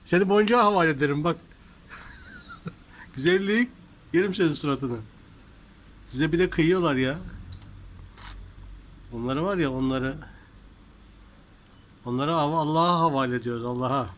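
Fairly high-voiced man cooing at his cats. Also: lively intonation, a little slow, long pauses. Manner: affectionate baby talk to cats, rising to high teasing tones; indignant about people who harm animals. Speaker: vlogger talking to his cats. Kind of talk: casual talk to pets and viewers. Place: home workshop with cats around.

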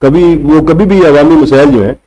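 A man's voice: a little high, normal speed, dark tone, rough recording. A male senior journalist with a Punjabi Urdu accent, arguing his points with rhetorical questions on a studio panel. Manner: argumentative, rhetorical questions to the host. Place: TV studio set. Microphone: table mic.

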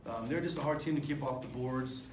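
At a postgame press conference, a head basketball coach in his forties speaks a little fast in a mid-range voice with a slightly mellow quality. Candid and rambling, he works through fillers and restarts into table microphones. Behind him is a sponsor backdrop, and the press room is echoey with faint background noise.

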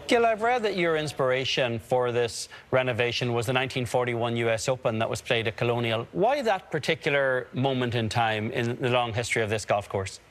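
Male studio host, mid-pitched. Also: expressive, a little fast, hardly any pauses. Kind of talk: interview questions.

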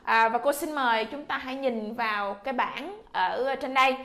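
Vietnamese lady teacher drilling english words, kinda high voice, repeats sounds a lot. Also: normal speed, bright, forceful tone. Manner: drills sounds with repetition, coaxing. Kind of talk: classroom pronunciation lesson.

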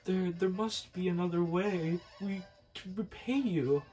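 A man voicing a frightened young cartoon boy who is a mug, high-pitched and stammering. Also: a little slow, dark tone. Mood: panicked.

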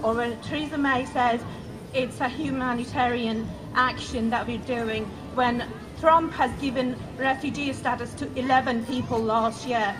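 A woman's voice: on the high side, fairly even intonation, unhurried. Woman from iran speaking at a protest, indignant, noisy street around her. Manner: earnest and indignant. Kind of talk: rally speech. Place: outdoor square.

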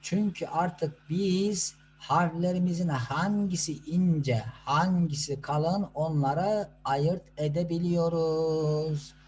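A man teaching children to read Quranic letters, sounding out syllables slowly and patiently and answering his own questions. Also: fairly high pitch, darkish tone, slight background noise. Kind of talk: slow classroom instruction.

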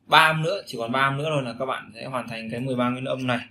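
Male teacher, bright tone, drills vowel sounds by repetition, casual lesson. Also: mid-range voice, rapid-fire. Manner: repeats sounds and phrases many times, demonstrating vowels. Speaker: English pronunciation teacher.

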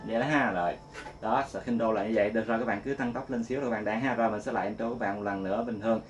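A man giving a casual guitar lesson, singing note names slowly between quick explanations. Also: lowish voice, steady tone. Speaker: guitar teacher. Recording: loud guitar playing along.

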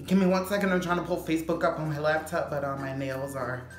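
A young adult woman vlogging casually to camera in a sassy, slangy, expressive way, recorded in an echoey room. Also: deep voice, fast talker. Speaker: YouTube vlogger. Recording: echoey room, faint music behind.

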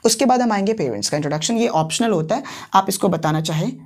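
A man teaching English phrases at a whiteboard, explaining in Hindi and patiently repeating each example phrase slowly several times. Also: high voice, animated. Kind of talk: bilingual classroom lesson at a whiteboard.

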